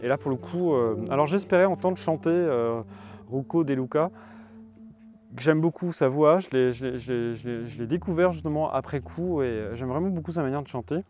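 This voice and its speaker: A man's voice: medium pitch, a little mellow. Young guy rambling about records into his phone on a tripod, lots of ums, music going in the background. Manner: rambling, thinking aloud with frequent hesitations. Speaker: vlogger presenting borrowed music albums. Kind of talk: casual spoken review. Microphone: phone camera on a tripod.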